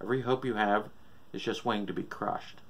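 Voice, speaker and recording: A sick old man played by a male narrator rants in a gravelly, creaking voice. He preaches doom with bitter, profane madness, as in a horror storybook. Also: lowish voice, fairly quick. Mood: bitter, ominous. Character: ranting, sick old father gone mad with doom.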